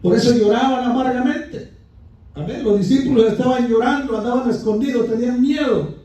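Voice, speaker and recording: A man's voice: very high voice, brisk, dark tone. A man preaching a Pentecostal sermon with fervent delivery, often calling his listeners brother, heard from some distance in a church. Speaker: pastor. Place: church sanctuary. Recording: echoey church from far off.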